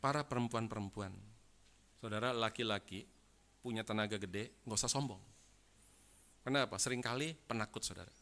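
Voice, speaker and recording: Indonesian-accented male pastor, bright and forceful tone, emphatic sermon delivery. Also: lowish voice, normal speed, long pauses. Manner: emphatic preaching, often addressing the congregation as "saudara" and asking questions. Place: church.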